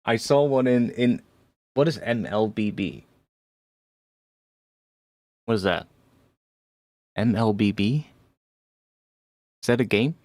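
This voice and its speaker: A young man hosts a casual livestream, talking in a loose, rambling way peppered with swearing and laughter. His voice sits on the low side. The sound is close and dry, with no room around it. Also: slow, long pauses, a little mellow, no echo. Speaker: music producer streamer giving feedback.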